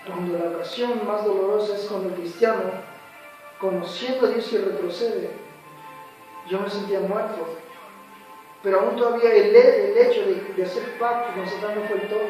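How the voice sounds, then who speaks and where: A man's voice: high-pitched, darkish tone. A man giving an earnest, dramatic church testimony, acting out the voices in his story. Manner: earnest, dramatic retelling with acted quotes. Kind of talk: spoken personal testimony. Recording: very echoey, far from the mic, faint music.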